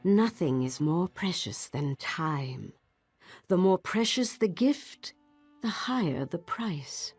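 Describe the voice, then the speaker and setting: A woman voicing an imperious old wizard master in a fantasy game, husky, formal and haughty in a measured delivery. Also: lowish voice, expressive, darkish tone, faint music behind, heavily acted. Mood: stern, proud. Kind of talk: fantasy game dramatic acting.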